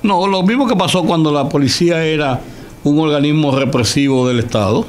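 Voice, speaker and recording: Measured male radio host. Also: on the high side. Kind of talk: radio interview. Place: radio studio.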